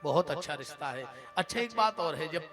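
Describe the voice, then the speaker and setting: A male preacher with a Bundeli accent telling an emotional devotional sermon, his voice swelling loud at its peaks. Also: on the high side, lively intonation, fairly quick, over music.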